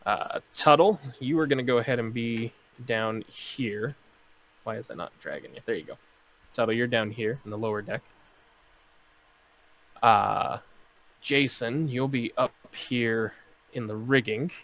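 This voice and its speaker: A man runs a tabletop game and narrates in a casual, halting way. He fills his pauses with ums. His voice sits at an average male pitch. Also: fairly bright tone. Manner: casual, hesitant with many fillers. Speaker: game master.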